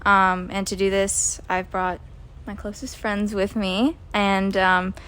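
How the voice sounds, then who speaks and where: A woman's voice: medium pitch, level tone, slow pace, a bit bright, clean tone. A woman in her twenties hosting a college podcast, talking casually with frequent ums as she explains. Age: 20s. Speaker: podcast host.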